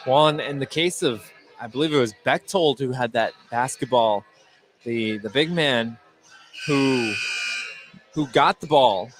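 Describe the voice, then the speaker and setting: Over music and gym noise, a man with a mid-range voice calls a basketball game live on the radio at an unhurried pace. His play-by-play comes in short, clipped calls that rise on big plays, and the broadcast is clearly noisy.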